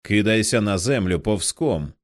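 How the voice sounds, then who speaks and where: A man reading the part of an impulsive, excitable young man who speaks in exclamations. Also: fairly low pitch, measured pace, no room sound, studio quality. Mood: excited.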